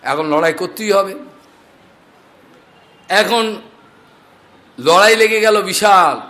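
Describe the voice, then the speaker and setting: A male preacher giving a scripture discourse, reciting Sanskrit mantras and telling animated stories. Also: sits high, slow pace.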